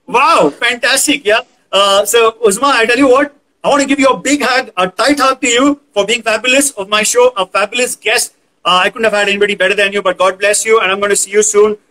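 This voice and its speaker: A man's voice: high-pitched, steady tone, fast, sharp tone, poor audio. A man with an Indian accent casually hosting an online talk show, effusive and fond of repeating words for emphasis.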